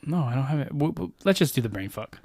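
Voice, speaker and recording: A man co-hosting a podcast in casual chat, sarcastic and profane, quick to laugh. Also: mid-range voice, expressive, creaky, a little mellow, no echo. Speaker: podcast co-host.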